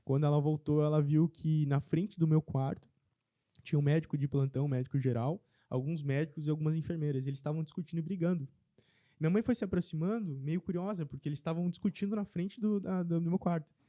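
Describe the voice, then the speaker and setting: A man telling a personal faith testimony as a podcast guest in casual chat, earnest and animated. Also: a little high, fast, no room sound.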